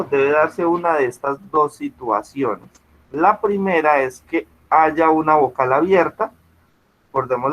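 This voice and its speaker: A man's voice: a little high, a bit bright. Patient male teacher on a muffled video call. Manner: patient, explanatory, checks understanding with frequent "¿sí?". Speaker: school teacher. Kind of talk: online class lecture.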